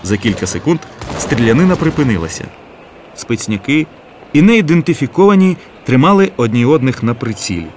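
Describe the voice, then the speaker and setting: A man narrating an audiobook in an expressive, lively reading. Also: medium pitch, fairly quick, a little hiss or hum. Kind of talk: scripted narration.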